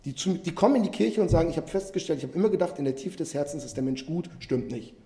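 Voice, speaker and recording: Man preaching, earnest and emphatic, mellow voice, echoing church hall with long reverb. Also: a little high, lively intonation, quick pace. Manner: earnest, rises into emphatic Bible reading. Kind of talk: sermon.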